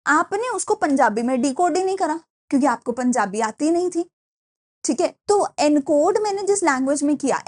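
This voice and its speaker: A young woman teaching a class in a lively, chatty way, mixing in English phrases. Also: high-pitched. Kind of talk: classroom lecture.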